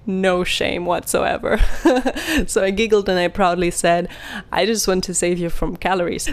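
A woman hosting a podcast, telling a story in a lively, giggly way before introducing her guest. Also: on the low side. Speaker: podcast host. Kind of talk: scripted narration.

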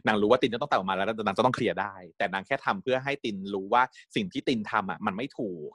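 A man's voice: on the low side, racing, a bit bright, no echo, clean studio sound. A man retelling a series in casual, chatty talk, laughing and acting out scenes. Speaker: series recap host.

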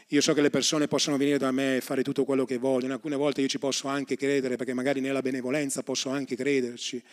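A man preaching a sermon as pastor, moving from hushed, intimate lines to rising, emphatic refrains. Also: mid-range voice. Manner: repetitive, building refrains. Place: church.

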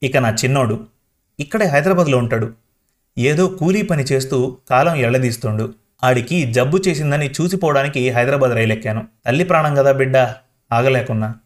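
A man's voice: mid-range voice, fairly quick, natural voice. A man reading the part of a frail, beaten 78-year-old grandmother, pleading and tearful in a storybook reading. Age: older. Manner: tearful pleading, addressing the listener as child.

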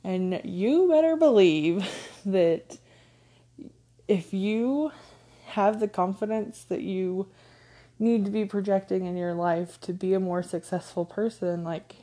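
A woman's voice: medium pitch, slow pace, dark tone. A woman with a stuffed-up nose hosting a casual solo coaching podcast, talking conversationally with frequent ums and light laughs. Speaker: podcast host, confidence coach.

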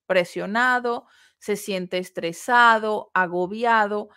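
A woman instructor delivering a recorded lesson at a medium pitch. She explains each point in a measured, patient way, pausing between phrases and posing rhetorical questions to the listener. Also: fairly bright tone. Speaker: course instructor. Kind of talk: recorded lecture on customer service.

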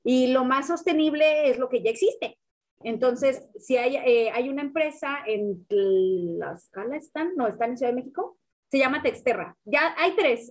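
Young Mexican woman, guest expert, lively casual delivery, a bit high-pitched. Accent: Mexican Spanish. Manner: animated, casual slang, frequent fillers. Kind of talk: conversational explaining.

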